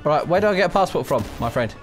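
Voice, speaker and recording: Man putting on an excitable high-pitched Mexican accent. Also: fast talker, over music, close to an everyday voice. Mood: pleading, polite. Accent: Mexican, put on. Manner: exclamatory, pleading, repetitive. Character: excitable, pleading Mexican migrant seeking America. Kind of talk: improvised game role-play.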